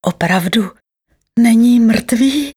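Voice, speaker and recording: A woman's voice: fairly high pitch, slightly rough, voice pushed up. A woman voicing a devoted male friend who calls out eagerly and hopefully in a storybook reading. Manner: eager, excited calling.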